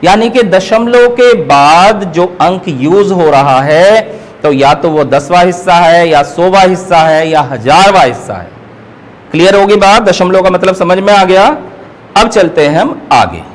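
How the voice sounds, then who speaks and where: A man with a North Indian Hindi accent teaches an online math class in a high, animated, unhurried voice, captured on poor audio. He explains things patiently and keeps checking that his students are following along.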